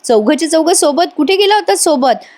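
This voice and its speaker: Woman doing a happy middle-aged mom calling the kids home, highish voice. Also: lively intonation, normal speed, darkish tone. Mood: cheerful. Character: cheerful middle-aged mother-in-law.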